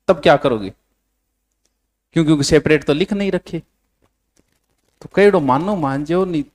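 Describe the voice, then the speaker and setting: A man with a Rajasthani accent teaching a coaching class, dictating notes and bluntly scolding his students. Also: sits high.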